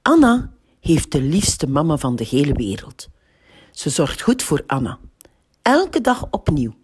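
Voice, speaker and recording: Flemish woman, library storyteller: slow, husky, very expressive children's reading. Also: low voice. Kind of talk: reading a picture book aloud to children.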